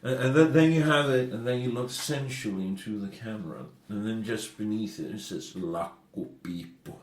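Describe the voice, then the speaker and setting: In an echoey room, a man from northern Norway co-hosts a podcast full of casual banter, joking, swearing often, and laughing as he talks. His voice is fairly low, at a moderate pace.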